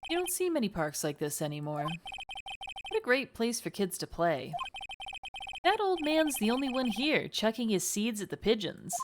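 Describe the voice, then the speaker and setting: A woman reading the inner thoughts of a young male lawyer in a calm, wry way. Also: fairly high pitch, moderate pace, background noise. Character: young male defense lawyer musing to himself. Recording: game music behind.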